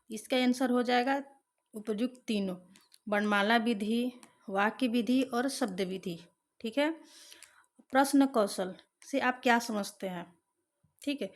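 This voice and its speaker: A young woman teaching an exam-prep lesson, reading out questions, repeating them and explaining the answers. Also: fairly high pitch.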